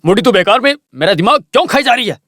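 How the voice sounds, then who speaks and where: A man's voice: high voice, animated, fast talker, dry recording, studio quality. Give me a man dubbing a furious man hunting down a debtor. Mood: angry. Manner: angry, shouting threats. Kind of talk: Hindi film dubbing.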